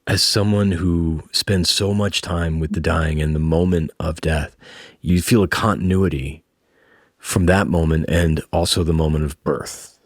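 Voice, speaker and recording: A man with a very low voice speaks as a host, thoughtful and deliberate. His delivery is halting and reflective, with a husky edge. The recording is dry. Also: fairly even intonation, no room sound. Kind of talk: reflective interview and casual musing.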